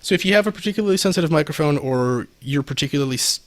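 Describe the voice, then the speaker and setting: A man with a fairly high, lively voice races through an informal, practical explanation full of examples. He's an audio expert guesting on a podcast, speaking close to a slightly off-side microphone with no room sound at all.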